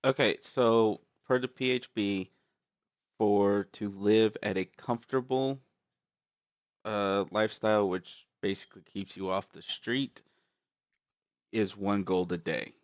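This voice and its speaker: A man's voice: lowish voice, slow pace, pauses often, clear, resonant tone, no room sound, clean studio sound. A man at a tabletop game, casually explaining rules from the handbook. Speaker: player. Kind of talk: casual chat at the gaming table.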